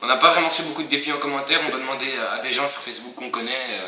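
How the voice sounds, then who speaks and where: A young man co-presenting a challenge video in casual, halting speech with crude slang. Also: mid-range voice, steady tone. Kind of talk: casual unscripted vlog chat. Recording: roomy echo, crowd noise behind.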